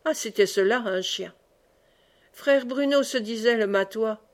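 A woman reading a classic novel aloud as an audiobook, expressive in the dialogue. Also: a little high, unhurried. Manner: expressive, raises voice for cries. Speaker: audiobook reader.

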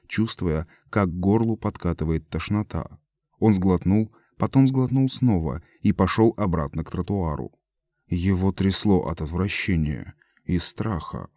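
A man reading an audiobook as narrator in a measured, even storytelling manner. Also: low voice, dry recording, clean studio sound.

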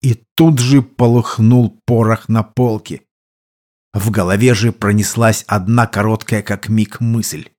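A man narrating an audiobook in a steady, measured storytelling manner. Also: lowish voice. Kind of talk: scripted narration.

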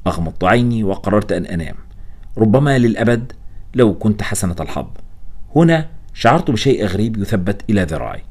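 A man narrating an audiobook in a tense, dramatic way. He reads briskly in a fairly low voice, pushing the suspense along.

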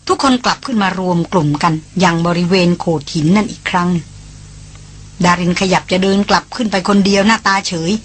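A woman narrating a novel as an audiobook in a steady storytelling manner. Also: medium pitch, a little fast, a little hiss or hum. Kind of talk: novel reading.

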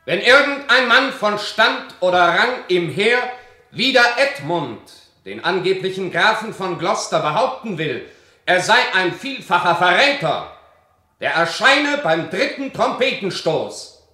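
High, ringing herald. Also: male voice, big pitch swings, measured pace, sharp tone, heavily acted. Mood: formal, proclaiming. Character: formal herald loudly reading a proclamation. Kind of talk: classic radio play acting, proclamation. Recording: roomy echo on the voice.

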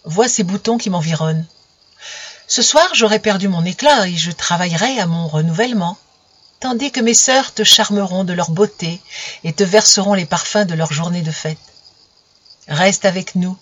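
Woman doing a fragile rose flower, gentle, pleading, storybook voice, breathy, muffled lo-fi sound. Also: lowish voice, moderate pace. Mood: tender pleading. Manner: soft pleading. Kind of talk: storybook reading.

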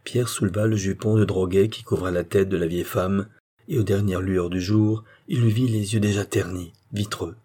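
A man giving a measured, expressive dramatic reading of a short story as narrator. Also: low-pitched, slightly rough.

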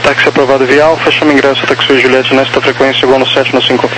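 A man working as an air traffic tower controller, giving clipped procedural clearances over crackly aviation radio. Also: mid-range voice, little pitch movement, fast talker. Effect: crackly two-way aviation radio.

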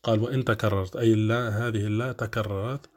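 With fairly even intonation and a fairly low pitch, a male teacher takes his class through Arabic grammar one step at a time. He uses long, drawn-out fillers and keeps checking that everyone is following.

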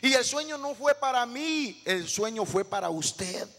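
Man, pastor's sermon, very high voice, bright and piercing, long church-hall reverb. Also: expressive, measured pace. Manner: impassioned, pleading preaching that swells to shouting. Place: church sanctuary.

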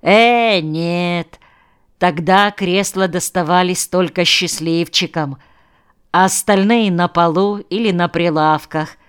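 A woman's voice: fairly low pitch, slow, smooth. A woman voicing a wistful, nostalgic older man who talks with sighs. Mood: dismissive. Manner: sighing, wistful.

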